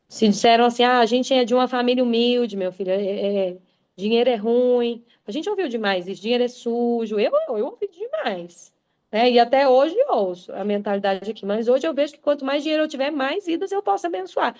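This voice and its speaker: A woman delivers a motivational talk with a fairly high voice, pressing each point with emphatic, preacherly conviction. She speaks straight to her listeners. The recording is dull and muffled. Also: darkish tone. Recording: muffled lo-fi sound.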